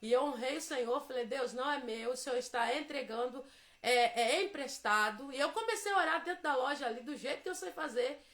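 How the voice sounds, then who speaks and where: A Brazilian woman with a high-pitched voice shares a devotional testimony. She tells her story emphatically and acts out each quoted line as she goes. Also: a little fast, a bit bright.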